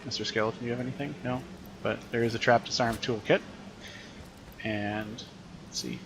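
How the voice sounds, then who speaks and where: A man talking through a video game as a teacher, chatty and explanatory, thinking aloud as he plays. His voice sits in a middle pitch, with faint room noise behind him. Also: fairly even intonation, moderate pace, vocal fry. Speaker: teacher streaming gameplay. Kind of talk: casual gameplay commentary.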